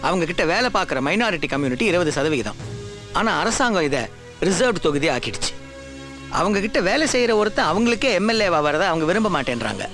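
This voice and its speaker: Earnest briefing official. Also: male voice, high voice, sing-song, fast talker, fairly bright tone, faint music behind, exaggerated voice. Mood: explaining. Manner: earnest, explanatory. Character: serious male official briefing a superior.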